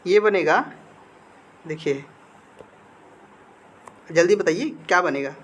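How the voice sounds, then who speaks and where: In a slow, fairly high and fairly bright voice, a man delivers a slide-based grammar lesson like a classroom teacher. He poses questions to the students and answers them himself, repeating key words.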